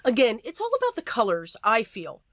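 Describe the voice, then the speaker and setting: Her voice is hoarse from allergies, and she clears her throat now and then while chatting casually over a card-making tutorial, full of fillers and self-deprecating asides. The pitch sits a little high and swoops wildly, her pace is a little fast, and the tone is a bit bright. The recording is studio quality with no echo.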